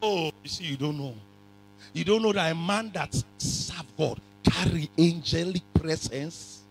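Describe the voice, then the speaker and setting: A man with a West African accent preaching a sermon in a raspy voice, forcefully repeating phrases and questioning his congregation, sometimes in pidgin. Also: on the high side, measured pace, soft background music. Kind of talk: animated sermon, code-switching into pidgin. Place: church hall full of congregation.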